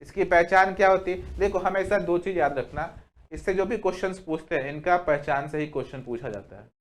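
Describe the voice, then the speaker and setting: Man drilling grammar rules with questions. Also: high-pitched. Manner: asks the class questions and answers them himself, repeats "ठीक है" often; lists examples slowly, word by word. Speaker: Hindi grammar teacher. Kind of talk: exam-prep grammar lesson.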